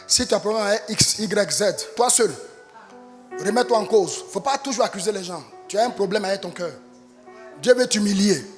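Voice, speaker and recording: A man preaching a sermon as pastor, impassioned and often rising to shouts. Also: sits high, long reverb tail. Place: church.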